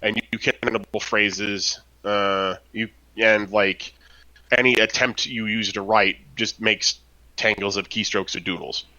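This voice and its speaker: A man's voice: fairly low pitch, fairly even intonation, measured pace, bright, forceful tone, dull audio. A man chatting casually on a podcast about a role-playing game, rambling with lots of fillers and tag questions. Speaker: podcast co-host.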